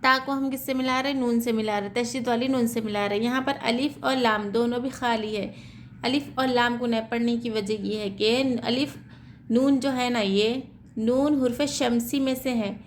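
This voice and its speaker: A woman's voice: fairly high pitch, fairly even intonation, a little hiss or hum. Woman teaching Quran reading rules. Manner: slow, drawn-out syllable-by-syllable spelling; explaining rules with repeated "theek hai" checks. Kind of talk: tajweed lesson, spelling out letters.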